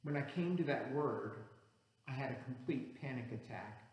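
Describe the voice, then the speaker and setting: A man's voice: mid-range voice, expressive, normal speed, a little mellow. A male pastor, English as his second language, preaching an earnest sermon that builds emphasis on key words. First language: not English. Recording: echoey hall, reverberant room.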